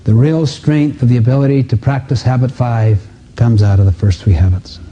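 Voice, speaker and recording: In a seminar room before an audience, a man leads a live self-help session, teaching through acted-out dialogues with emphatic delivery and plenty of rhetorical questions. He has a warm, mid-range voice at normal speed. The audio is dull and muffled lo-fi, with slight background noise.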